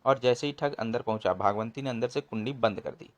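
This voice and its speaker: A man narrating a comic folk tale in a brisk, expressive storybook manner. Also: mid-range voice.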